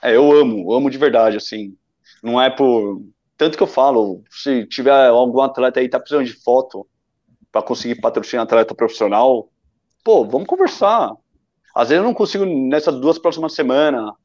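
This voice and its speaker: A running-event photographer from Brazil, guesting on a podcast, chats casually and rambles through stories with enthusiasm, speaking with a Brazilian Portuguese accent. His medium-pitched voice is a little mellow and fairly quick, and the lo-fi audio sounds dull.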